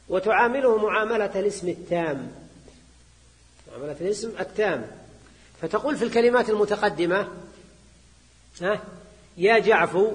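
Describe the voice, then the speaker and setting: A man teaching grammar as a sheikh, reading a text and then explaining it, repeating phrases and quizzing students with quick questions. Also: high voice, a bit bright. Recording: reverberant lecture hall.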